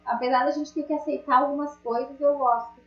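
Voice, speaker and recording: Chatty woman teacher, high voice, roomy. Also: steady tone, fairly quick, lo-fi sound. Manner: chatty, jokey, addresses students directly. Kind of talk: online class lecture.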